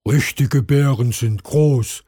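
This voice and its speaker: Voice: medium pitch, takes it slowly, warm tone, no room sound, clean studio sound, pitched below the performer's own voice. A storybook narrator voicing a cheeky little male raccoon who wants to be a bear, calling out eagerly. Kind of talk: storybook character voice.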